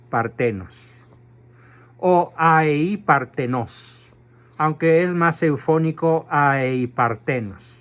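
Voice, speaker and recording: Male catechism lecturer, measured and forceful, drawn-out pace, voice a touch high. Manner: emphatic, slow and deliberate, spells out terms. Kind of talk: doctrinal lecture.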